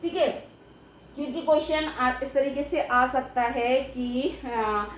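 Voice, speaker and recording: A young woman with a high voice teaches a grammar lesson. She breaks each point into small steps and keeps checking that her students follow. The room is echoey, with a faint hiss behind her. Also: takes it slowly. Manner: explains step by step, often checks with "ठीक है". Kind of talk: explaining a lesson at a board.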